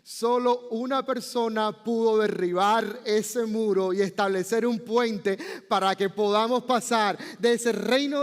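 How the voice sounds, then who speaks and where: A male pastor preaching a sermon, building from calm explanation to emphatic, slowed outbursts. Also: high-pitched, smooth. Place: church sanctuary. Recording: long church reverb.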